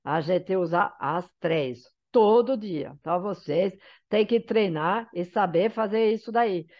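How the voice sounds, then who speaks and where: A woman's voice: mid-range voice, a little slow. A woman who is a teacher giving an online lesson, explaining patiently and often checking that her students follow. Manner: explanatory, checks understanding with frequent "tá?". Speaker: French teacher. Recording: slightly dull lo-fi sound.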